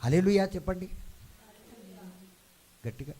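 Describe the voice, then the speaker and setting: A man's voice: sits high, unhurried, dark tone, breathy edge. A man preaching a sermon, dropping English phrases into his talk and calling out for responses from the congregation. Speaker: pastor. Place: church hall.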